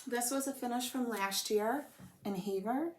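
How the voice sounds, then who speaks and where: A woman's voice: a little high, a little slow, darkish tone, slight background noise. Woman host, home stitching chat, rambly and self-deprecating, a bit under the weather from a cold. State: coughing from a cold. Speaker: flosstube host. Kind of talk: casual show-and-tell chat. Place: home room with blanketed windows.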